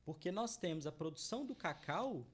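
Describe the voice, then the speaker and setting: This is a chocolate brand founder, a middle-aged man from Minas Gerais, Brazil, talking about his company in an interview. His fairly high voice is animated and slightly rough, at normal speed. He addresses the audience earnestly, repeatedly tagging lines with "né?", meaning "right?".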